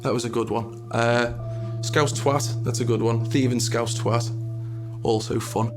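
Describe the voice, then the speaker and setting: A man's voice: mid-range voice, fairly even intonation, a little slow. A man working as an ambulance call handler, talking bluntly and wryly about his job in a documentary interview. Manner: blunt, wry and matter-of-fact. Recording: music bed under voice. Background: music.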